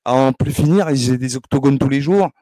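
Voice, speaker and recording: A man's voice: medium pitch, quick pace, dark tone, dry recording. Rambling, heated man. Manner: heated, scolding, lots of hesitations. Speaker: channel host. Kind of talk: rambling esoteric monologue.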